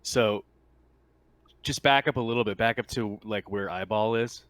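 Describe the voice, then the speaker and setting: Running a casual tabletop RPG as the game master, a man explains in a halting way, repeating himself and rephrasing as he goes. His lowish voice is a bit bright, and there's no room sound.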